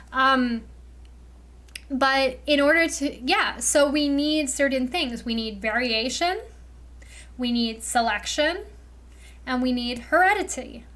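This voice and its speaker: High-pitched woman streaming a chatty lecture, lots of "like" and "you know", talks from a home desk mic. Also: a bit bright. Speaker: streamer explaining memetics. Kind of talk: casual livestream lecture.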